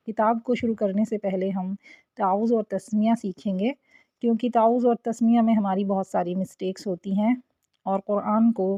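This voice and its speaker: Woman teacher going over recitation slowly, mellow voice, kinda dull lo-fi sound. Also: medium pitch. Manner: patient, slow drawn-out syllable demonstrations. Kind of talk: tajweed lesson. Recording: dull lo-fi recording.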